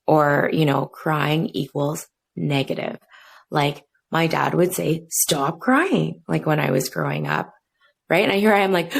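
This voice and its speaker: Thirtyish woman podcast cohost, low voice w some fry, thinking out loud. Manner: reflective, frequent fillers. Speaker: podcast co-host. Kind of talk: casual conversational podcast.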